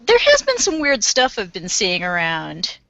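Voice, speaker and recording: A woman's voice: medium pitch, huge pitch swings, unhurried, fairly bright tone, dry recording, dull audio. Hesitant woman improvising in character. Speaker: player. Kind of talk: in-character tabletop role-play.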